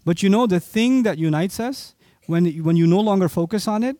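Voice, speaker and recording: A man with a high voice preaching a fervent sermon, turning to the listeners with pointed questions. The sound is dry and close, with no room echo. He is originally from Pakistan. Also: fairly quick, mellow. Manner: impassioned, asks the audience rhetorical questions. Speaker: Islamic preacher. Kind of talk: sermon lecture to an audience.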